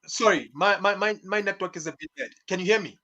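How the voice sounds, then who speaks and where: A man's voice: high-pitched, quick pace, pushed and bright, dull audio. Man on a call that keeps breaking up. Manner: repeats words and phrases. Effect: call audio breaking up over a bad network connection. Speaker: guest market analyst. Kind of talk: casual interview over a call. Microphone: remote call.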